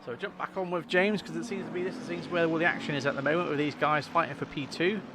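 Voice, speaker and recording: A man's voice: fairly high pitch, steady tone, fast. A man hosting a livestream with casual, chatty motorsport commentary on a sim race. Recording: clear engine noise behind voice.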